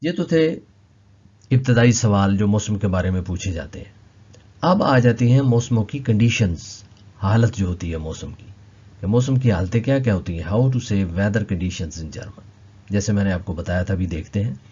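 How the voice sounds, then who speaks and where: A man teaching a language lesson, slowly repeating each word several times. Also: on the low side, lively intonation, warm tone, slightly rough, lo-fi sound. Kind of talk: explaining vocabulary lesson.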